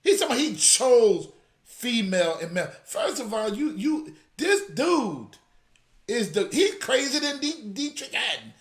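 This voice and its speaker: Fired up preacher dude scolding his viewers, high swooping voice, roomy echo. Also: big pitch swings, measured pace. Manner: fiery, scolding, addresses audience as y'all. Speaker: apostle and show host. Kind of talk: reaction commentary.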